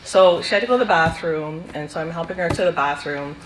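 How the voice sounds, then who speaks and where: A woman giving a fond, soft-spoken funeral eulogy for a family member, sharing stories with light laughter. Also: low-pitched, fast, noisy background. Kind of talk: funeral speech with anecdotes. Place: funeral hall. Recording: echoey hall with faint ambience.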